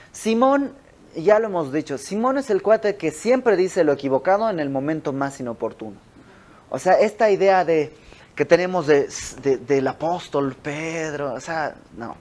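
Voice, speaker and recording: A young man with a Mexican accent leading an informal Bible study in a house, teaching in a conversational way and acting out the stories. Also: fairly high pitch. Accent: Mexican Spanish. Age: young adult. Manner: conversational, animated storytelling with quoted dialogue. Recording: home recording with audio flaws.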